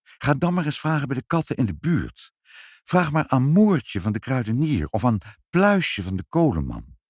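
A kindly, bustling mother speaks in a raised, brisk voice full of lively swoops, as a man puts her on. The reading is dry and close to the mic. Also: mid-range voice, no echo, pitched above the performer's own voice.

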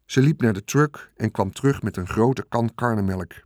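Calm male storybook narrator. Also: on the low side, normal speed, dry recording, studio quality. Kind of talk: storybook read-aloud.

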